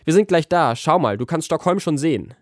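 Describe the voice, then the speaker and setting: A man's voice: a little high, animated, fairly quick, no room sound, studio quality, voice pushed up, close to an everyday voice. A man voicing a bossy, know-it-all girl in a storybook, teasing and strict by turns, with a raised voice. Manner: teasing, then stern and bossy.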